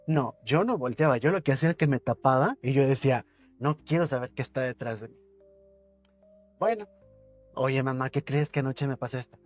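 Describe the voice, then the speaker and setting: Man, podcast guest, suspenseful ghost-story teller who repeats and hushes. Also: fairly quick, soft background music. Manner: suspenseful storytelling, repeats words for effect, drops his voice low. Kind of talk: telling a personal ghost story.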